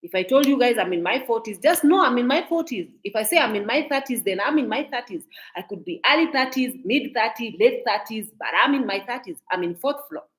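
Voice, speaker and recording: A woman's voice: on the high side, lively intonation, a little fast, hardly any pauses. Chatty Kenyan woman commentating on gossip. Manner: talkative, emphatic, repeats and restarts phrases; mixes in Swahili phrases. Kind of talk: casual commentary to viewers.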